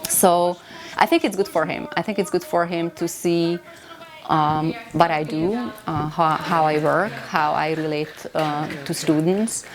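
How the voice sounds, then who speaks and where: Low-voiced Hungarian woman teacher. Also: fairly even intonation. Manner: thoughtful, with many filler pauses. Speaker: theater voice teacher. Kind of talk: interview.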